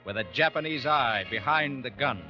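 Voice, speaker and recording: An actor playing a grim wartime narrator, declaiming ominously in grave 1940s radio war drama style. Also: male voice, mid-range voice, normal speed, lightly acted. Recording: muffled old radio recording. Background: loud dramatic music.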